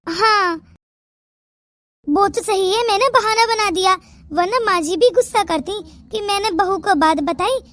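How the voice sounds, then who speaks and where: A squeaky cartoon voice as a young policeman husband. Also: a bit bright, no room sound, studio quality. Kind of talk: Hindi cartoon voice acting.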